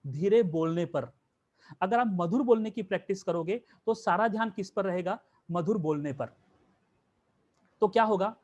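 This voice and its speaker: A man's voice: high voice, moderate pace, long pauses, a little mellow. A man teaching a spiritual class, asking rhetorical questions and answering them himself, mixing in English words.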